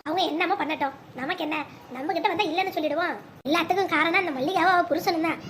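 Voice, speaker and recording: A scheming middle-aged cartoon woman frets and mutters to herself, as a woman puts her on. The voice sits very high and runs quick, with a fretful, plotting edge. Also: fairly bright tone, a little hiss or hum. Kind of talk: animated family drama voicing.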